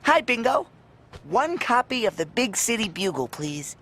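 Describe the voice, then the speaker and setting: An actor voicing a friendly, gentle male octopus who speaks cheerfully and patiently. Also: extremely high pitch, very animated, a little slow, noisy background, heavily acted. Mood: kind. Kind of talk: cartoon voice acting. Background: cartoon music.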